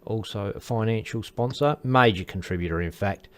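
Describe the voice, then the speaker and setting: A man's voice: fairly low pitch, normal speed, a bit bright, clear, resonant tone. Chatty man commentating on sport. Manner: chatty, informal, with asides. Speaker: darts commentator. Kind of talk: casual live sports commentary.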